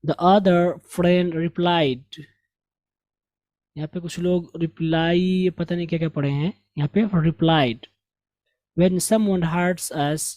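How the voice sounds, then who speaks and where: A man, teaching English reading, who reads slowly and repeats words over and over to correct their pronunciation. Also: fairly high pitch, steady tone, darkish tone, no echo, dull audio. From India. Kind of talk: reading lesson with pronunciation drills.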